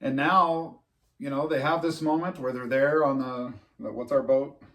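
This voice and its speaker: A man's voice: mid-range voice, fairly even intonation, moderate pace, fairly bright tone, distant mic. A man co-hosting a podcast in casual chat, rambling and laughing at his own jokes. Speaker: podcast co-host.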